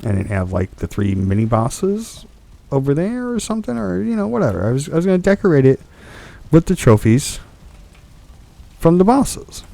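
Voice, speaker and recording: A man's voice: a little high, big pitch swings, moderate pace, creaky, mellow. A young man hosting a gaming video, ranting in frustration about a boss fight, swearing and restarting his sentences. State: hiccups. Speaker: gaming channel host. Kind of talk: ranting game commentary.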